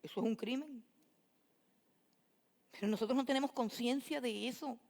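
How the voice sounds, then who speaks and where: A woman preaching a sermon in a church, talking straight to her listeners and pressing her point. Her voice sits a bit high for a woman, and she keeps it animated from line to line. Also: moderate pace, creaky. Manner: animated, addresses congregation directly. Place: church sanctuary.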